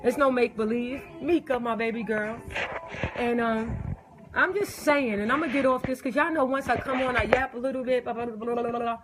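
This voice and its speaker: A woman's voice: fairly high pitch, normal speed, over loud music, rough recording. A middle-aged woman speaking in an impassioned personal rant, emphatic and preachy, repeating her phrases. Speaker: social media poster.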